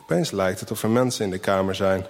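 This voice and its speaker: A man reading a children's Christmas story aloud in a gentle, unhurried way, giving the people in it their own voices. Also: low-pitched, big-room sound, slight background noise. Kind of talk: storybook narration with character voices.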